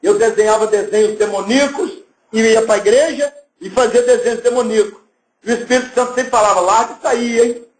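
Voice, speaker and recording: Male Brazilian pastor, high lively voice, roomy church sound. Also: fast. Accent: Brazilian Portuguese. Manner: lively preaching, acts out little scenes and voices. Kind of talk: sermon.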